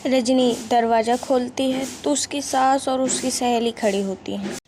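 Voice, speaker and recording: A woman narrates a cartoon family story in a high voice. She tells it plainly and steadily, with faint noise behind her. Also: fairly even intonation, a little slow.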